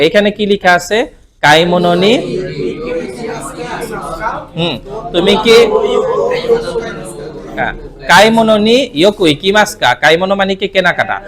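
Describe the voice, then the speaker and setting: Bangladeshi guy teaching japanese in a live class, higher voice, keeps quizzing students and repeating words. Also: a bit bright. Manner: asks students questions and repeats words for them to say; colloquial Bangla mixed with English words. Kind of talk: live online class lecture.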